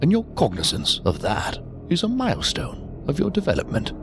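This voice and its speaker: A man's voice: on the high side, wildly swooping pitch, normal speed, a little hiss or hum. An actor playing a cryptic, coolly condescending male intelligence operative in a science fiction audio drama, with stilted, pedantic, precise diction.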